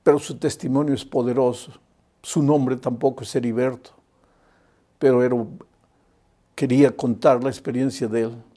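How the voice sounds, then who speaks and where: A man preaching an evangelistic sermon, who swings between loud emphatic appeals and hushed storytelling. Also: medium pitch, level tone, normal speed, pauses often.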